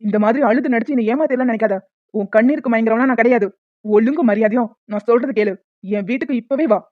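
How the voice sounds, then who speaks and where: A brutal male moneylender from a cartoon, acted by a woman, crude and threatening. He talks fast and a little high. The sound is thin and phone-like, with no room echo. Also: natural voice. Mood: menacing. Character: menacing male loan shark, brutal and lecherous. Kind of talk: cartoon voice dubbing. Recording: tinny phone-like, dry.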